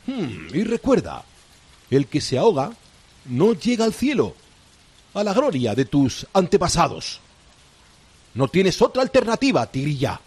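A man's voice: fairly high pitch, huge pitch swings, measured pace, pauses often, a little mellow, breathy edge, heavily acted. A man playing a menacing, mock-courteous pirate captain in a radio play, with theatrical, drawling threats. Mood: menacing, mock-polite. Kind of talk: amateur radio re-enactment of a film scene.

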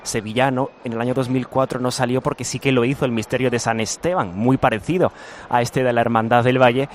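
A man's voice: medium pitch, a little fast, a little hiss or hum. A man working as a field reporter, describing a street procession live as he walks along it. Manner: steady descriptive reporting with small restarts. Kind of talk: live event commentary. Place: outdoor city street among the procession.

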